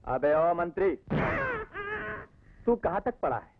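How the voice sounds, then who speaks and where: Rowdy hot-headed police inspector. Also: male voice, a little high, big pitch swings, takes it slowly, slight background noise. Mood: commanding. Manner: gruff, taunting, bossy. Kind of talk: Hindi film dub. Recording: muffled dubbed film soundtrack with faint music.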